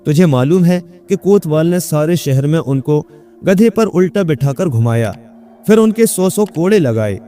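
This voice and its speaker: A man voicing an elderly mother who anxiously pleads with her confused son, in a raised, higher voice. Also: lively intonation, moderate pace, warm tone, faint music behind, natural voice. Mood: relieved.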